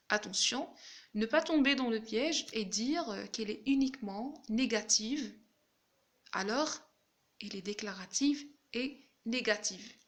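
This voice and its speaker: Slow, bright-voiced woman teaching grammar. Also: on the high side. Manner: slow, careful explaining with examples. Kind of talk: grammar lesson.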